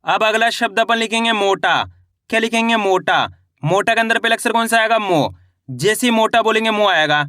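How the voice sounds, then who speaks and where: A man teaching reading, patiently sounding out each syllable and stretching the words slowly. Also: sits high, bright, forceful tone, no echo, studio quality. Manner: patient, repetitive, drawn-out word sounding. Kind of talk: slow syllable-by-syllable phonics lesson.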